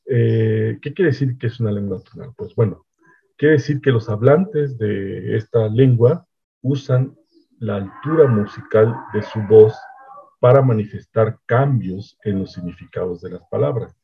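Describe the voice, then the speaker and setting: A man giving a measured academic lecture, often checking in with his listeners. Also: fairly low pitch, creaky, breathy edge. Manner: explanatory, measured, frequent "¿no?" checks. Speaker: linguistics researcher giving a lecture. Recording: dull lo-fi online talk audio.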